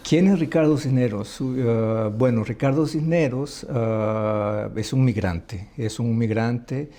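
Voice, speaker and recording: Hombre de voz oscura y pausada. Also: male voice, medium pitch, warm tone. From El Salvador. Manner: thoughtful, halting, many restarts. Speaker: ambassador, interview guest. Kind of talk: conversational interview.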